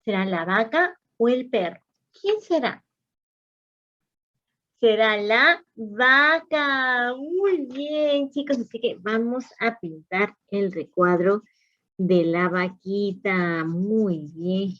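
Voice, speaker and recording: A woman's voice: mid-range voice, animated, slow pace, muffled recording. A woman preschool teacher talking to small children as if to toddlers, in simple, repetitive, sing-song encouragement. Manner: repeats phrases and questions for young listeners.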